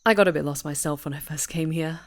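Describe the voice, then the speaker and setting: Talking fast in a low voice, a woman plays an easygoing, chatty camper on a woodland retreat in an ASMR roleplay. Her tone with the unheard listener is conversational, friendly, and teasing.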